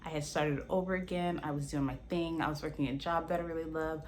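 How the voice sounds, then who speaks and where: A woman's voice: sits low, steady tone, fast, darkish tone, a little hiss or hum. A woman in her early forties talking candidly and casually to camera as a vlogger, her speech slightly slurred by the retainers she is wearing. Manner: candid, conversational. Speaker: YouTube lifestyle vlogger. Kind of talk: casual personal talk to camera.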